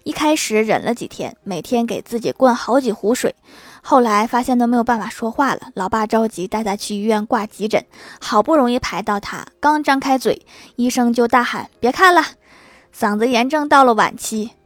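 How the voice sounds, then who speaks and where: A woman with a fairly high voice hosts a comedy audio show. She reads her scripted jokes in a playful, teasing manner and lands each punchline quickly. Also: expressive, no room sound. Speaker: host of a comedy sketch podcast.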